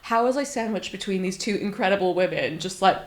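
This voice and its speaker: With a crowd audible behind her, a mid-range female voice talks fairly quickly. She is a Silicon Valley startup founder in her thirties, an American guest in a casual interview chat, who tells animated stories, acts out her own reactions and leans on lots of fillers.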